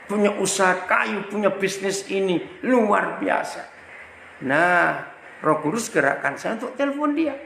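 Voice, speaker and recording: An older man from Indonesia preaching as an evangelist, telling a story with lively acted-out dialogue. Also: high voice, measured pace, vocal fry, roomy sound, slight background noise, low-quality recording. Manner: animated, acts out both sides of conversations. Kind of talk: sermon storytelling.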